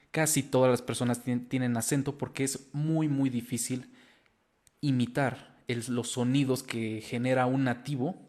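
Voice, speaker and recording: A man's voice: medium pitch, darkish tone. Earnest young Mexican man, encouraging. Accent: Mexican Spanish. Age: 20s. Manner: earnest and encouraging, addressing viewers directly. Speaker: language-learning video host. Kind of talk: motivational talk to camera.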